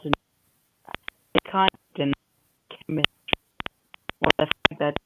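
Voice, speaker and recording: A woman's voice: low-pitched, fairly even intonation, takes it slowly, heavy background noise. A South African woman reading a book blurb aloud over a call whose audio keeps jumping, so her volume rises and drops unevenly. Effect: choppy audio with uneven, dropping volume. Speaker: booktuber on a live reading sprint. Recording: tinny, dry phone-like line.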